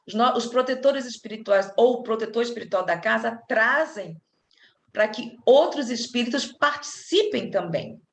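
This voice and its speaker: A woman's voice: fairly high pitch, echoey room. A woman leading a spiritist study group, explaining patiently with fillers and restarts.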